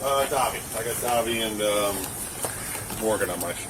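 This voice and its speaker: A man's voice: on the low side, normal speed. A male police officer chatting about work in an informal, matter-of-fact way. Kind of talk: casual work chat. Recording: very noisy police bodycam audio.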